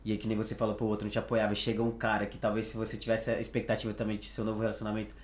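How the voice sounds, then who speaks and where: A man with a Brazilian Portuguese accent hosting a podcast, chatty and quick to laugh, using casual slang. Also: lowish voice, monotone. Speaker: podcast host. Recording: echoey room.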